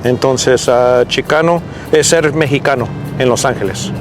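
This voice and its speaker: A man from Los Angeles, answering questions in a relaxed, hesitant way outdoors on a city street. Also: medium pitch, unhurried, music in the background. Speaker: interviewee, photographer. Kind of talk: casual interview.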